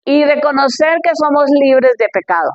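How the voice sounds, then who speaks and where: Woman preaching, high voice, reads bible verses, keeps asking "ok?", dull dry recording. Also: expressive, moderate pace, dry recording. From Colombia.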